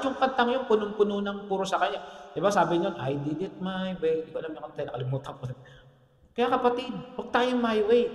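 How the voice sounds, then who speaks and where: Lively Filipino pastor in echoey hall. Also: male voice, high voice. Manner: joking, teasing the congregation. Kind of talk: sermon. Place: church hall. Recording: echoey church hall, long reverb.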